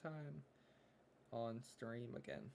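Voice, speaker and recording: A man's voice: medium pitch, steady tone, slow, gravelly, darkish tone, a little hiss or hum. A young man streaming live, chatting casually and thinking aloud as he works on a game, often trailing off into mumbles.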